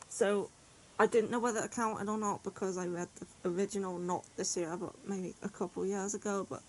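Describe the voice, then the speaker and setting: Casual reviewer, woman, chatty and rambling, mid-pitched, faint hiss behind. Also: rough recording. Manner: chatty, rambling, frequent "like" and "yeah". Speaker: manga reviewer.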